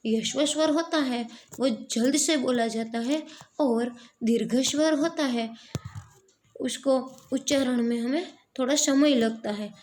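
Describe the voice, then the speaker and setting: A woman teacher gives a classroom lesson and draws out each sound she demonstrates. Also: high-pitched. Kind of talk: slow classroom explanation of vowel sounds.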